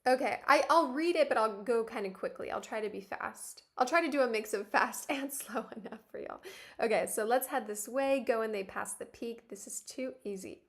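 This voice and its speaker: A woman's voice: on the high side, moderate pace, a bit bright. A woman streaming live, reading a webtoon aloud and reacting with lots of giggles.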